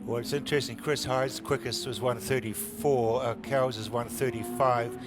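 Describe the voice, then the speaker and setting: A man's voice: mid-range voice, fairly even intonation, moderate pace, over music. A man commentating live on a motor race, chatting conversationally with his co-commentator.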